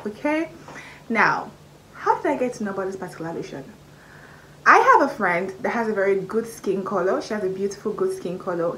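This is a young Nigerian woman in her twenties reviewing a beauty product to camera in a small room. She talks emphatically, repeats herself for stress and leaps higher when she makes a point. A faint hiss of room noise sits under her voice. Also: fairly bright tone, low-quality recording. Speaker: beauty vlogger. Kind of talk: casual product review vlog. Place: small indoor room by a curtained window. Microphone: camera at arm's length, face framed close.

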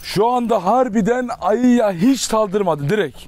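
A man's voice: high-pitched, a little slow, a little mellow. A young man talking casually to his viewers as a dog owner, chatty and direct, breaking off for short firm commands to his dogs outdoors. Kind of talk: casual talk to viewers while handling dogs.

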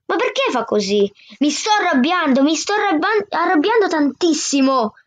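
A woman's voice: fairly high pitch, very animated, moderate pace. Woman voicing an impatient young boy. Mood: pleading. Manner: rising, insistent outbursts. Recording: dull, dry lo-fi sound.

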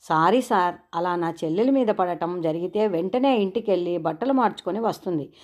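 A teasing young male student with a mock-polite edge, put on by a woman reading a story. He sounds cheeky and sure of himself, with the voice kept at a moderate height and a little louder than the narration. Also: lowish voice, expressive, normal speed, natural voice.

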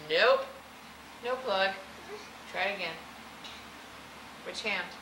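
A woman's voice: mid-range voice, extremely slow, echoey room, background noise. Coaxing mother on old camcorder audio. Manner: coaxing, playful talk to a toddler. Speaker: mother filming with her children. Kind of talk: casual family home video. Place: family home indoors.

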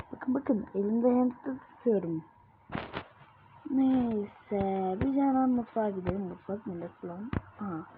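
Woman, excitable gameplay commentary, higher voice, slow unhurried delivery, exasperated outbursts. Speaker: gamer. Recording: tinny lo-fi mic with noise.

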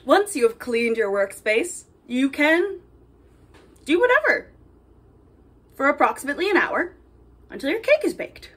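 A woman's voice: sits high, very animated, a little slow, long pauses, a bit bright, pitched above the performer's own voice, exaggerated voice. A woman voicing a bubbly, sweet young video game princess with a chirpy, sing-song delivery. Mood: chirpy instructing. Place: home kitchen, indoors. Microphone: camera a step or two away.

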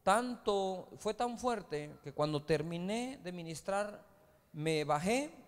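Male pastor, storytelling sermon with asides, recorded live in a reverberant hall. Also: fairly high pitch. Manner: storytelling preacher, conversational with rhetorical asides. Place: large church hall.

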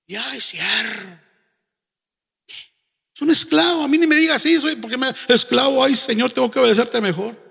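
A man preaching a fervent sermon as pastor, firing rhetorical questions and shouting at the peaks. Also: very high-pitched, brisk, creaky, few pauses, husky, big-room sound.

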